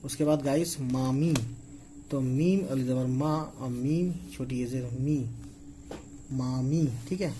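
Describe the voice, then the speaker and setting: A man's voice: mid-range voice, noisy background. A man teaching how to write words in Urdu script, spelling each one out letter by letter and checking in with a frequent "okay". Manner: slow, spells letters aloud, repeats okay often. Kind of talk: casual spoken lesson.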